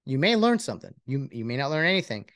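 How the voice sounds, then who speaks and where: A man's voice: medium pitch, big pitch swings, fairly bright tone, no echo. Brief: man, podcast host, earnest rambling monologue, mid-range voice, very dry. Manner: rambling, earnest, self-reflective; halting with many restarts and fillers. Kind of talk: casual solo podcast monologue.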